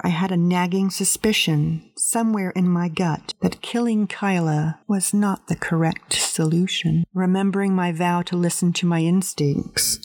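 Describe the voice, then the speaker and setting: A woman tells a fantasy tale in the first person, earnest and measured. Her voice sits a little low, and the recording is close and dry with no room sound. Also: a little mellow, dry recording. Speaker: narrator.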